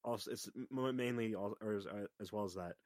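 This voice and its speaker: Guy with a sore throat making his voice all bassy, low and halting, dry mic. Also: darkish tone, no room sound. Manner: halting, stumbles and restarts words. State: sick with a throat problem, voice unusually deep and bassy. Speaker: podcast co-host. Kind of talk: casual podcast chat.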